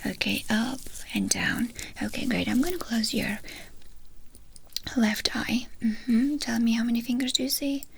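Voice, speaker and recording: A woman whispering a fast, brisk ASMR whispered role-play as a medical examiner, giving short instructions and questions. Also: a little high, fairly even intonation, creaky, breathy edge.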